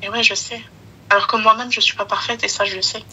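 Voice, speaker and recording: A woman calling in to a live show, slowly and hesitantly explaining what she wants in a partner. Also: medium pitch, flat delivery, pushed and bright, slightly rough, lo-fi sound. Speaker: caller asking for advice. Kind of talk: casual live call.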